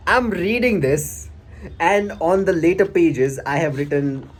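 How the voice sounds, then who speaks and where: Higher-voiced young Indian man, self-conscious diary reading. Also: unhurried. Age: young adult. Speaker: vlogger. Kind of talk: casual personal storytelling, reading from an old diary. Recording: clearly audible background noise.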